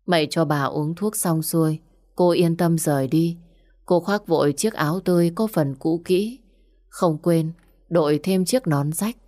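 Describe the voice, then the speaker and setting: A woman narrating a story in a steady, measured way. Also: sits low.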